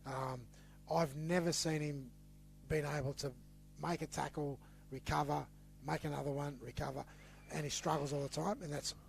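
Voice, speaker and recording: An Australian man hosting a sports podcast in loose, teasing chat. His voice sits a little high with a gravelly edge, and he stumbles over repeated words when he gets excited. A faint hum runs under the recording. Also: moderate pace. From western New South Wales. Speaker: podcast host.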